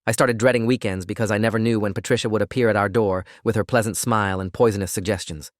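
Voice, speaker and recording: A man narrating a scripted first-person story in a steady, even reading voice. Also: lowish voice, fast talker, no echo, studio quality.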